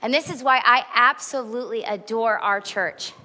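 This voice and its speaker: A woman's voice: fairly high pitch, moderate pace, bright, forceful tone. A woman in her forties preaching a sermon, earnest and candid, with emphatic repetition. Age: 40s. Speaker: pastor.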